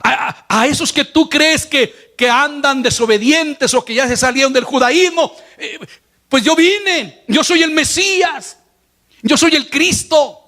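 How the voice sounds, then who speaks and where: Man, pastor, sermon, high voice, earnest preaching. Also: measured pace, pushed and bright. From Latin America. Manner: earnest preaching, voice rising on quoted lines.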